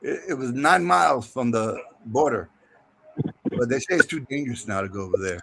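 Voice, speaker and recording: A man's voice: medium pitch, animated, brisk, vocal fry, bright, forceful tone, breathy edge, rough recording. A man chatting casually in a group, talking in a rambling, insistent way. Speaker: military veteran.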